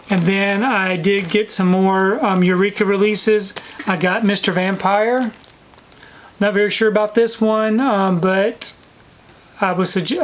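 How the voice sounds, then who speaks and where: A woman's voice: medium pitch, a little hiss or hum, rough recording. A woman chatting casually through a collection haul vlog, slightly out of breath, with frequent fillers and restarts. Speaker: video collector vlogger.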